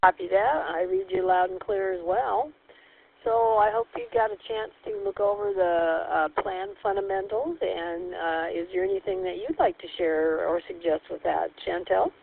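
Heard on a walkie-talkie's tinny, narrow channel with faint hiss, a woman hosts a radio net and moves through call signs in a cheerful, formal style. Her fairly low voice is gravelly with a breathy edge, very animated and moderately paced. She is running on-air check-ins as net control.

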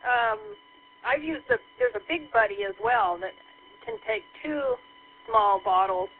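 A woman calling into a radio net over a two-way walkie-talkie. She talks in a relaxed, halting way, pausing on fillers, and her pitch moves up and down a lot. The sound is thin and phone-like, with a faint hum. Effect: heard over a two-way walkie-talkie radio. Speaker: caller checking into a radio net. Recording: tinny radio transmission with hum.

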